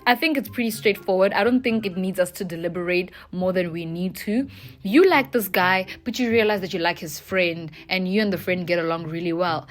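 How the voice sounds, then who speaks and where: A South African YouTuber reads viewer confessions and reacts with frank advice, playful and slangy, in a casual chat. Her voice is fairly low in pitch and fairly quick.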